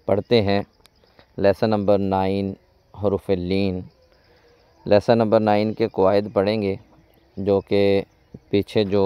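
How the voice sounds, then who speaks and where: A man teaching Quran reading and tajweed rules. He spells out letters in slow, deliberate drills and repeats each rule in a question-and-answer form. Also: lowish voice, mellow, clear, resonant tone, no echo. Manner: recites in a raised, drawn-out chanting tone.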